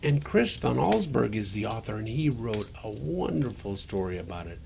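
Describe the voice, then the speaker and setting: A noisy background surrounds an older man reading to children as Santa, his gravelly voice fairly low yet swinging widely in pitch at normal speed. He speaks to the kids directly, softly and wonderingly.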